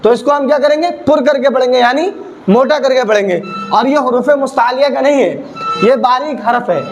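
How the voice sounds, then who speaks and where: A man's voice: extremely high pitch, a little fast, music in the background. A man teaching a recitation lesson, drilling with repeated questions and answers and exaggerating heavy and thin sounds to show the difference. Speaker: religious teacher.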